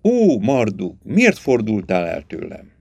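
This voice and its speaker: Guy doing a one-eyed brute losing it, low strained threats then whiny despair, storybook. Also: huge pitch swings, gravelly, a little mellow, husky, dry recording, full character voice. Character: one-eyed man, raging, despairing, unhinged.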